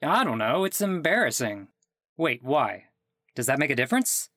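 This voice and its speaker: A man's voice: medium pitch, sing-song, moderate pace, bright, forceful tone, no room sound. Fed-up sarcastic guy on a complaint call, a man acting it, swings his voice all over, dry sound. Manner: sarcastic, indignant, bursts out. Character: exasperated man whose clone died. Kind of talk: comedic audio drama acting.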